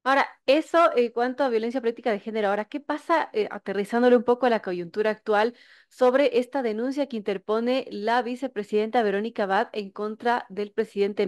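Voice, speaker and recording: A woman hosting a radio news program, asking a guest questions. She frames each question carefully, with short pauses. She has a middle-pitched voice and a dry, close sound. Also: darkish tone, no echo. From Ecuador.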